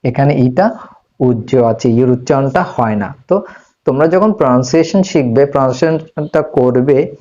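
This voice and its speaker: A male English teacher gives a classroom-style grammar lesson in a room with a whiteboard, explaining slowly and posing questions he then answers himself. His voice is medium-pitched and dark, and the highs are cut off.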